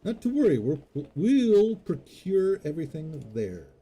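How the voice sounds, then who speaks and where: A man reading the lines of a small, brisk young woman in a game, chirpy and businesslike. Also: a little high, big pitch swings, warm tone, husky, faint music behind, voice pushed up, heavily acted.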